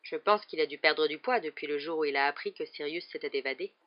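A measured, steady grown man, as a woman narrator plays him, explaining in a lowish, even voice close to her own. The audio is dull and muffled, like an old audiobook. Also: close to an everyday voice. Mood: calm.

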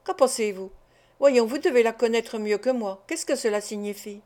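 Woman narrator doing a brutal male robber, gruff, loud, bullying, audiobook reading, fairly high voice. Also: normal speed, natural voice. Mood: grumbling.

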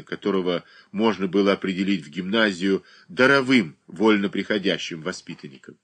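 A man narrating a classic novel as an audiobook in an expressive, dramatic reading. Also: on the low side, husky.

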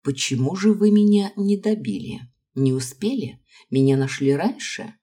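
A woman's voice: low-pitched, animated, moderate pace, dark tone, voice pushed up. A woman reading the part of a composed young heroine who speaks in a cold, level tone with held-back emotion.

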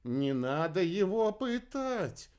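A man voicing an eccentric, befuddled male astrologer who talks slowly in a raised, drawn-out voice. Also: very animated, darkish tone, clean tone, full character voice. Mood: vague, drawling. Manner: slow, drawn-out, raised pitch.

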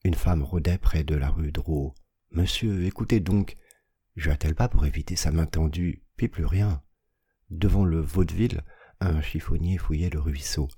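Very deep, husky male narrator. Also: steady tone. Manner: measured, theatrical, swelling to loud outbursts. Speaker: audiobook narrator. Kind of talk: dramatic literary reading.

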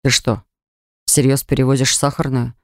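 A woman reading an audiobook voices a confident, pushy young man with a low, firm, mocking delivery. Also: flat delivery, normal speed, darkish tone, dry recording, studio quality. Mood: smug, commanding.

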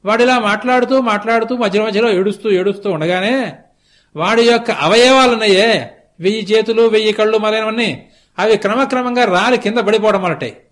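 A man with a notably high-pitched voice narrates a sacred tale as a discourse. He speaks slowly and deliberately, often repeating phrases to build the scene. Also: a bit bright. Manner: slow, deliberate storytelling with lots of repetition. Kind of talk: storytelling religious discourse. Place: television studio.

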